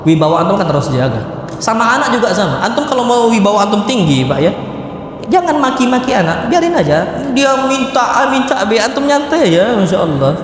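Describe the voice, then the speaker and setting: A man gives a lively, joking sermon in a large mosque hall, his high voice leaping even higher when he lands a punchline. The room rings with heavy echo and a long reverb tail. A faint ambient murmur sits underneath. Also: slight background noise. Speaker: preacher. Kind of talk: mosque study-circle sermon.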